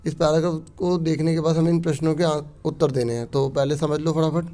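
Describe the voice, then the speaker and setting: Male teacher, fairly high voice, patient worksheet walkthrough; slow reading, casual explaining. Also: steady tone, dark tone. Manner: reads Sanskrit slowly then explains in quick casual Hindi, with frequent "theek hai". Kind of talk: explaining a Sanskrit worksheet to students.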